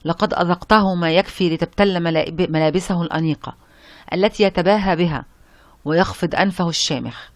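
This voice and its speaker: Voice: medium pitch, brisk, no echo, natural voice. Reader doing Nabil, an earnest indignant friend. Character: warm-hearted indignant male friend of the doctor.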